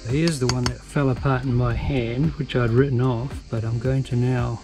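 A man talks through a casual sailing vlog at a mid pitch. He sounds earnest and plain-spoken, and he often restarts his sentences. Music plays clearly behind him. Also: fairly even intonation, normal speed, low-quality recording. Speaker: sailing vlogger.

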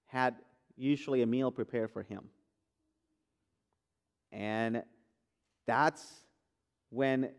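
Man, 30s, pastor, conversational sermon, fillers and restarts, resonant tone. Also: medium pitch. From Guatemala. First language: Spanish. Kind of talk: sermon testimony. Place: church sanctuary.

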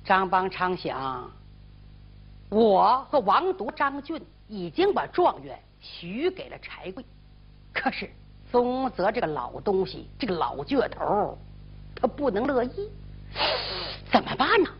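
Casting: sly middle-aged male minister performed by a female storyteller, falsely courteous, husky, on slightly muffled audio. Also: medium pitch, huge pitch swings, unhurried, exaggerated voice. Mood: scheming. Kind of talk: traditional storytelling character voice. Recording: dull lo-fi broadcast audio.

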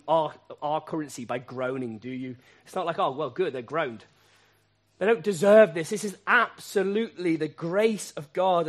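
A man preaching from the pulpit in a fairly high voice. He asks the congregation rhetorical questions and repeats key phrases like chants. He drops to quiet asides, then climbs to loud, emphatic peaks. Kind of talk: sermon.

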